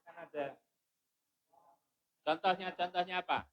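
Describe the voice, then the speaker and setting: A man teaching Quran recitation rules in a mosque. He slowly intones the verses, then explains them briskly. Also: high voice, steady tone, no room sound, dull audio. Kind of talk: teaching tajwid.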